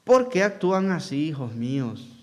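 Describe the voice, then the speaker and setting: A man's voice: a little high, very animated, moderate pace. A man preaching as pastor in a church hall, asking the congregation questions and acting out quotes in a sermon.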